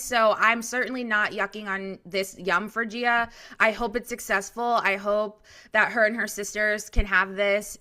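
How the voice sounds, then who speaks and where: On a laid-back podcast, a young co-host gives her opinionated take on reality TV, chatting away with plenty of fillers and restarts. She has a medium pitch, a sharp tone and a clean sound.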